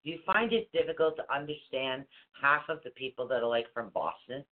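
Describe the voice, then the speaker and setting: A woman's voice: extremely low pitch, expressive, brisk. A woman hosting an online talk show, chatting in a rambling, self-interrupting way, a bit stuffy with allergies. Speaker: show host. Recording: tinny phone-like call audio.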